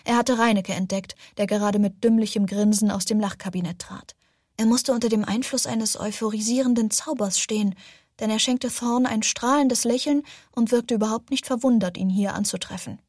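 A woman narrating a novel as an audiobook, in an even, measured delivery. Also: fairly high pitch, slightly rough, dry recording, clean studio sound.

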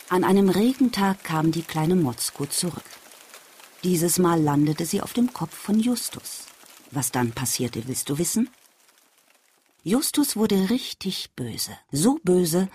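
A woman reading a children's story aloud, speaking gently and addressing the young listener directly. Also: on the low side, slightly rough.

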